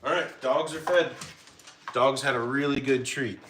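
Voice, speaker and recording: A man's voice: mid-range voice, steady tone, a little slow, noisy background. A middle-aged man chatting casually on a home livestream, reading chat aloud and laughing easily. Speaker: livestream host. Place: home, feeding dogs.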